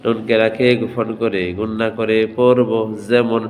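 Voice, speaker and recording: A man teaching Quran reading, spelling out letters syllable by syllable and chanting words in long drawn-out tones. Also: lowish voice, level tone, in a large hall, a little hiss or hum. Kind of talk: slow spelling-out lesson with chanted recitation.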